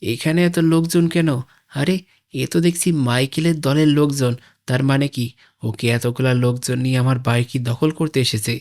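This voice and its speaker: A protective cartoon father, voiced by a man talks forcefully and never backs down. He sounds like an everyday man with a mid-range voice. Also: mid-range voice, steady tone, fairly quick, natural voice. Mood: worried. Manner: forceful, pleading when cornered. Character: brave young father, protective and defiant. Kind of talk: animated game-parody voice acting.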